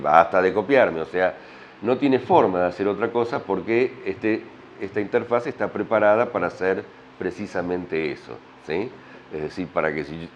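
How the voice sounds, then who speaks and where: Older Argentine male lecturer, low-pitched, patient explainer, dull lo-fi recording. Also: darkish tone, slight background noise. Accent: Argentine Spanish. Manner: explanatory, checks understanding with frequent tag questions. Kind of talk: university lecture.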